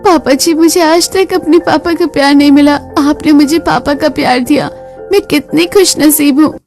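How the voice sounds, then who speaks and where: A woman voicing a gentle, mistreated young daughter-in-law in an animated family drama, pleading and emotional. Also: high voice, moderate pace, faint music behind. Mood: grateful.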